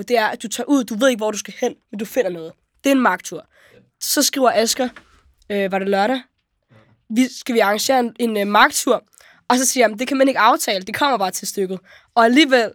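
Hoarse teen girl, high voice, dry. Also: no room sound. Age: teens. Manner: laughs often, talks over others. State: hoarse, recovering voice. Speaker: stand-in podcast host. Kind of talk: casual chat.

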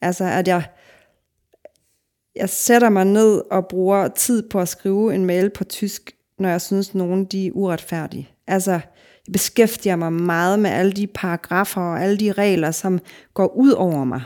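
A woman's voice: mid-range voice, steady tone, warm tone. A middle-aged woman from Denmark, a guest author in a casual podcast conversation, talking reflectively in long winding sentences full of fillers.

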